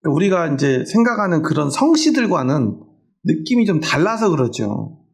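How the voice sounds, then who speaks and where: A man's voice: on the high side, sing-song, moderate pace, gravelly. A middle-aged male pastor preaching a sermon in a conversational way, often asking the congregation questions.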